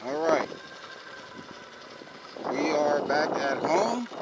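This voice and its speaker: Man vlogging through loud wind noise. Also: on the high side, animated, very slow. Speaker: vlog host. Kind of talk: casual riding vlog. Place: outdoors, riding an electric two-wheeler. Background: loud wind and vehicle noise.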